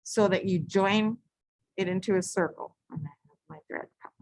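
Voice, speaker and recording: A woman's voice: medium pitch, moderate pace, darkish tone, no echo, low-quality recording. A woman teaching a beading stitch live, giving patient, repetitive step-by-step instructions and sometimes correcting herself. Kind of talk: step-by-step craft tutorial.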